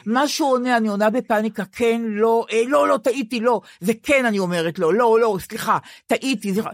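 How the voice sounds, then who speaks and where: An older woman co-hosting a podcast, telling self-mocking stories in an animated, casual chat. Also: on the high side, no echo, studio quality. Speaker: podcast co-host.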